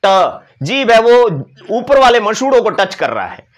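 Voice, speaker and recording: A man's voice: high voice, very animated, a little slow. A male teacher giving an exam-prep lecture, explaining and demonstrating sounds with playful asides to his students. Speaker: Sanskrit teacher.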